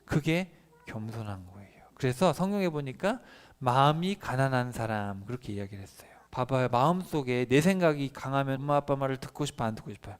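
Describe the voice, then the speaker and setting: A man's voice: medium pitch, a little fast, clear, resonant tone. A man pastor telling a Bible story to children, asking them questions along the way. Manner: lively, asks children questions.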